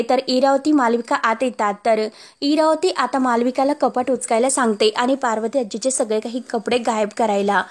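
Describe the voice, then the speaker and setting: Woman narrator, high voice, steady episode-recap voice-over, links each story beat with "and now". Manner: steady storytelling, linking every step with "and now". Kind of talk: retelling a serial episode, quoting characters.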